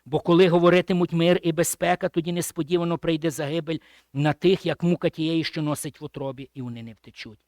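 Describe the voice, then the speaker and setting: A man preaching a sermon as pastor, speaking with emphasis and often dropping to a hushed, low voice at the end of a phrase. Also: fairly even intonation, fast, dry recording, studio quality. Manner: repeats and restates phrases while explaining.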